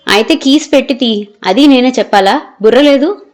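A man's voice: very high voice, fairly quick. A woman voicing an impatient older army husband who barks orders irritably, in a storybook reading with faint music behind. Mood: irritable.

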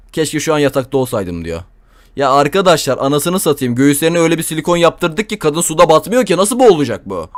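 Young male gameplay commentator, crude and joking, slightly high voice, dry recording. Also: dry recording. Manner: crude, joking, talks to viewers and game characters.

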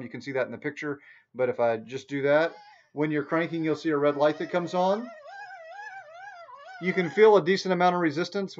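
A man in his forties hosts a video, reviewing a product to camera from a small room at home in a casual, folksy, unscripted way. The sound is dull, muffled and low-fi.

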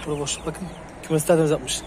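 A man's voice: on the high side, steady tone, very fast. A man vlogging in a farmyard, chatting to his viewers and calling to his chicks and geese. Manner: chatty, talks to viewers and calls to the animals. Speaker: hobby farm vlogger. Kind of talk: casual outdoor vlog. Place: outdoors in a farmyard with poultry. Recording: noisy outdoor farmyard recording. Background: chickens, roosters and birds.

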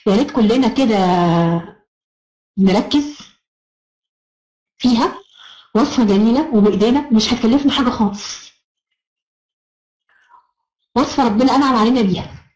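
A woman's voice: fairly high pitch, normal speed, pauses often, darkish tone, roomy sound, rough recording. A woman with an Egyptian Arabic accent giving an encouraging online self-help lecture, praising her students as she goes.

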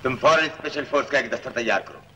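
A man's voice: mid-range voice, fast talker, in a large hall, highs cut off, noisy background, lightly acted. A man playing a stern police superintendent. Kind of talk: 1960s film acting.

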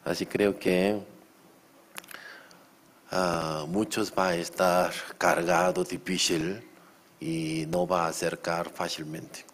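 Slow, low-voiced pastor preaching. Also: male voice, level tone. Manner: acts out shouting quotes, asks the congregation questions. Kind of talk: sermon.

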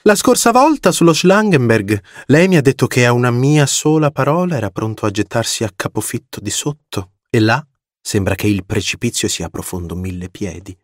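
A man reading an audiobook, voicing a proud, cold and mocking young woman with a sharp, scornful delivery. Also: medium pitch, expressive, normal speed, no room sound, studio quality, pitched above the performer's own voice, close to an everyday voice.

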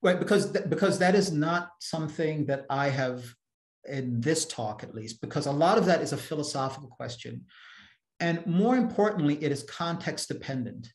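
A man's voice: fairly high pitch, normal speed. A man answering a question at an academic seminar over a video call, emphatic and often repeating words as he starts a sentence. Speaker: seminar speaker. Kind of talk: academic Q&A discussion. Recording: echoey room on a video call.

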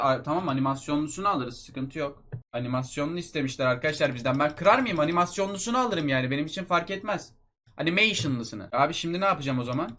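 A young man rattles off excitable commentary as he plays a mobile football game, addressing his viewers like old friends. His delivery is rapid and restless, and his voice sits a little high.

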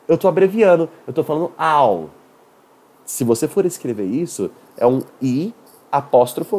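A Brazilian man with a Brazilian Portuguese accent, teaching a live online English lesson in a chatty, animated way. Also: medium pitch, breathy edge. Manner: lively, animated, chatty with viewers.

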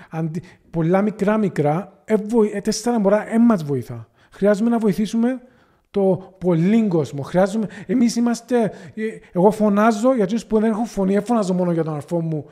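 A man with a Cypriot Greek accent talks as a podcast guest, earnest and impassioned. His voice sits high but sounds soft and mellow rather than bright. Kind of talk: casual podcast conversation.

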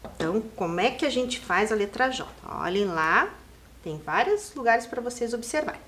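Woman teacher, high voice, very lively pitch, slow patient delivery, children's TV lesson. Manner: slow, sing-song, questioning children at home. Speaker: primary school teacher. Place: TV studio classroom.

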